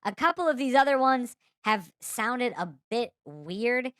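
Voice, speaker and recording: A man's voice: extremely high pitch, expressive, unhurried, a bit bright, clean tone, no room sound, studio quality, voice pushed up, full character voice. A man speaking through a voice-changer effect that makes him sound like a woman, talking casually. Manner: casual demo talk. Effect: voice changer making him sound female.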